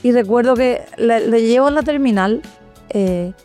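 A woman sharing a personal testimony in conversation, reflective, often pausing and adding tag questions. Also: a little high, warm tone, faint music behind. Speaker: guest.

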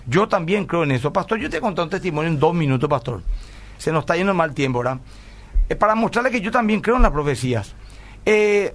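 A man's voice: high voice, fairly bright tone. A middle-aged man, a pastor hosting a radio call-in program, telling stories earnestly and often asking "¿verdad?". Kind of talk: radio call-in talk, answering listener messages.

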